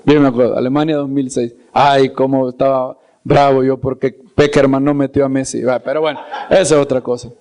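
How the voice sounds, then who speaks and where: A man's voice: mid-range voice, brisk. A man preaching in a storytelling way, acting out the scenes he tells and repeating words for emphasis. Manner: animated, acts out scenes and voices. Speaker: preacher and Bible teacher. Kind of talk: storytelling sermon.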